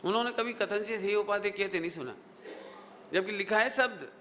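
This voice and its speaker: High, bright-voiced man preaching in an echoey hall. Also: moderate pace. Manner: drills the audience with repeated rhetorical questions. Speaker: Jain scholar giving a lecture. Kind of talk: sermon with questions to the audience. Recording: echoey hall with faint noise.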